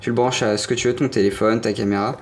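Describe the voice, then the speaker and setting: A man's voice: fairly low pitch, fairly even intonation, fast. Young french guy touring his gaming room, lots of euh and restarts, playful, a bit of room hiss. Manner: rambling, lots of hesitations and self-corrections; playful and enthusiastic about collectibles. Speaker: gaming streamer showing his setup. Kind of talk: casual room tour vlog.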